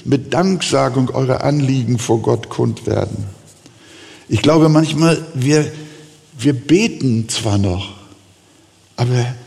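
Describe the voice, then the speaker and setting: Slow gravelly preaching man in a hall. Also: mid-range voice, a little mellow. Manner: earnest, pleading preaching with slow emphatic pauses. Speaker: pastor. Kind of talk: sermon.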